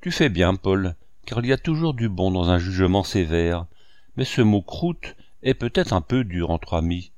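A man reading an audiobook, voicing a kindly, good-humored painter and uncle who speaks warmly and teases gently. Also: low-pitched, lively intonation, normal speed, dry recording, studio quality. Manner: warm, gently teasing.

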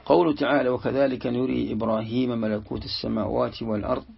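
Gravelly husky sheikh explaining slowly. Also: male voice, mid-range voice, fairly even intonation. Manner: halting, repeats and restarts words while explaining. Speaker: sheikh commenting on a tafsir. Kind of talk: classical Arabic tafsir lesson commentary. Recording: muffled lo-fi lesson recording.

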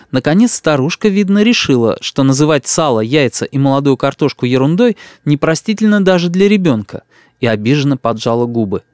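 A man narrating a first-person tale with lively, varied intonation. His voice sits in a mid register. The recording is dry and close. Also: medium pitch, no echo. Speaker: audiobook reader.

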